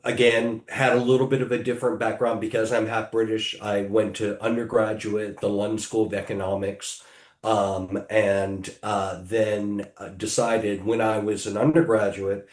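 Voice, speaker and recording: A middle-aged American man with a fairly low voice talks through his background, halting often with ums and uhs and restarting his sentences. His voice carries a noticeable echo from the room around him. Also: little pitch movement. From United States. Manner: hesitant, many ums and restarts. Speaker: podcast guest, technology attorney. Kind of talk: casual interview answers. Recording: echoey room.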